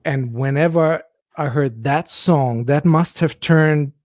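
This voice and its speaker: A man's voice: on the high side, slow pace, dry recording. Man in his forties, dry sound. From Germany. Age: 40s. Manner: relaxed storytelling, laughs often. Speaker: guest DJ. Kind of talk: casual chat.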